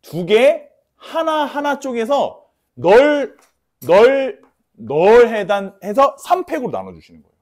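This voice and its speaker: A man teaching a math lecture emphatically, drilling warnings and checking his students understand, mixing polite speech with rough slang. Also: very high voice, sing-song, takes it slowly, a little mellow. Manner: repeats key warnings, asks students for confirmation.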